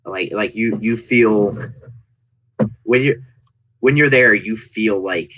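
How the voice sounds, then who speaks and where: A man chatting casually as an interview guest, telling stories in an animated way and acting out people's reactions. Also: fairly low pitch, slow pace, muffled recording, slight background noise. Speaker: interview guest, indie wrestling performer. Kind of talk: casual interview chat, anecdotes.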